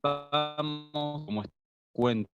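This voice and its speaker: A man presents a workshop for teachers over a video call from his phone. He speaks haltingly, repeats words and uses fillers, and the call audio keeps cutting out and stuttering. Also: on the high side, loud music behind the voice. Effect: choppy call audio that cuts out and stutters. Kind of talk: talk on an online video call. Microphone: phone on mobile data. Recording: dull lo-fi call audio with dropouts.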